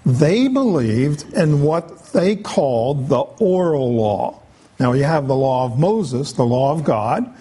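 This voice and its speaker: A man preaching a sermon, explaining scripture in an unhurried way with frequent pauses. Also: a little high, dark tone, breathy edge. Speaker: pastor.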